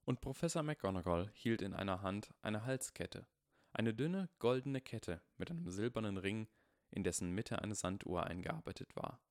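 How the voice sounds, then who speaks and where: Low-pitched guy reading a storybook aloud, calm, dry close mic. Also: normal speed, no echo. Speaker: audiobook reader. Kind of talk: storybook narration.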